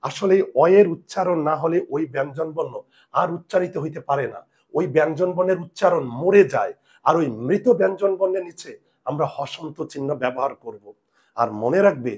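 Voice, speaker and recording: A man's voice: on the high side, a little mellow. A man teaching a grammar lesson to students, emphatic and repeating key points. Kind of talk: classroom-style video lesson.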